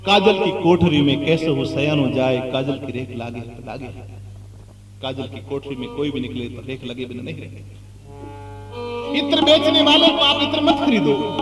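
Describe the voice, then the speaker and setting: A male preacher telling a devotional story sermon in a lively storyteller's manner. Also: on the high side. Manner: lively storyteller, swings between voices. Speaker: religious preacher. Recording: echoey hall, distant mic, music.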